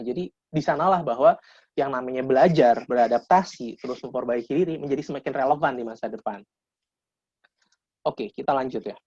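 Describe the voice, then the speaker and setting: A man's voice: mid-range voice, darkish tone, no room sound. A man in his thirties giving a casual webinar talk to young people, lecturing informally with frequent restarts. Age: 30s. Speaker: guest speaker. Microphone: video call. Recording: dull lo-fi video call audio.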